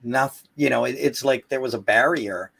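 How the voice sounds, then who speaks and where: Halting man searching for words. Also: medium pitch, vocal fry, fairly bright tone, husky. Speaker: guest. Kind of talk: casual interview conversation.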